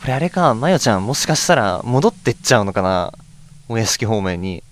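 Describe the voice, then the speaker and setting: A let's play host gives casual gameplay commentary, frequently murmuring questions to himself as he plays, with video game music in the background. His voice is lowish, very animated and fairly quick.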